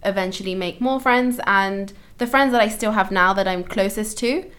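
A woman's voice: mid-range voice, moderate pace, a bit bright. A young woman from London talking as a guest in a casual conversation, hesitant and full of restarts. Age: young adult. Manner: hesitant, many ums and restarts, laughs often.

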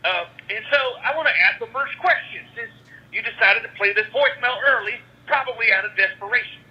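A man's voice: extremely high pitch, brisk. A man leaving a joking, rambling voicemail over a landline phone, chatty and trailing off mid-thought. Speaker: voicemail caller. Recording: muffled phone-line voicemail.

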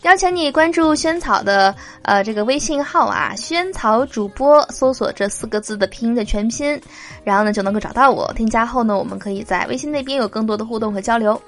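A woman hosting a podcast, reading jokes aloud in a casual, lively way and laughing at her own punchlines. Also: fairly high pitch, brisk, soft background music. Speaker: podcast host telling jokes.

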